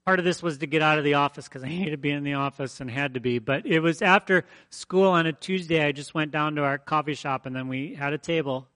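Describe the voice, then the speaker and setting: Pastor guy preaching, kinda high voice, dry close sound, repeats himself for emphasis. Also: brisk, hardly any pauses, fairly bright tone, no echo. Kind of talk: sermon.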